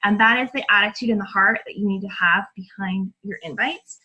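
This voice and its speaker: Mulher animada e de voz clara. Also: female voice, medium pitch, fairly even intonation, sharp tone, breathy edge, muffled recording. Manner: chatty, encouraging, fast-talking with many fillers. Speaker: fitness coach. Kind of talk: coaching call, casual talk.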